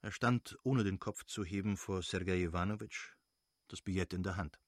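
Lower-voiced male audiobook narrator. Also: dry recording, studio quality. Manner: steady, measured reading. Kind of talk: scripted narration.

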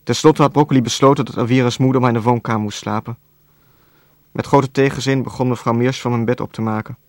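A man reading a novel aloud as narrator, in a calm, even storytelling voice with a dry wit. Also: mid-range voice, fast talker, no echo. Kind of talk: scripted audiobook narration.

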